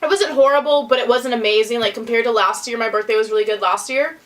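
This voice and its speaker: A woman's voice: a little high, quick pace. A woman vlogger talking to camera in a rambling, mildly complaining way, with frequent "like" fillers. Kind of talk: casual vlog talk to camera.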